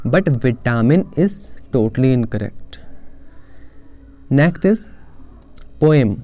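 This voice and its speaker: A young man explaining pronunciation in a lesson, slowly repeating model words. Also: medium pitch, mellow, smooth, no echo, muffled recording. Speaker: pronunciation teacher.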